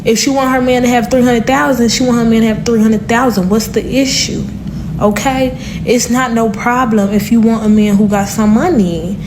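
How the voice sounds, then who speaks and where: A woman's voice: on the high side, steady tone, moderate pace. A woman giving blunt, opinionated talk full of rhetorical questions. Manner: blunt, rhetorical, repeats "okay". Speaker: commenter in a stitched clip. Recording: clip with clear background noise.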